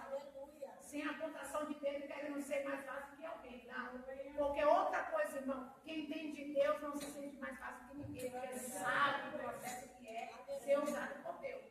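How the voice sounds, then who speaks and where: A Brazilian woman missionary giving an emotional testimony sermon, calling out to her listeners as brother and sister. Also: sits high. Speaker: missionary preacher. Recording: very echoey, mic far off.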